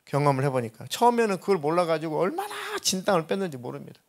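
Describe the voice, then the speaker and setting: Earnest Korean pastor preaching, voice pitched a little high. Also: male voice, big pitch swings, fast talker, vocal fry. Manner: earnest preaching, acts out quoted voices of spirits and himself. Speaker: senior pastor. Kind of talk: sermon.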